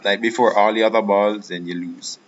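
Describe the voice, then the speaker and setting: A man's voice: fairly low pitch, fairly even intonation, brisk, crowd noise. A young man, a student recording his screen tutorial in a computer lab, chatting and teasing classmates in a joking way. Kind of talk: casual classroom chat. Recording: dull lo-fi mic, loud room noise.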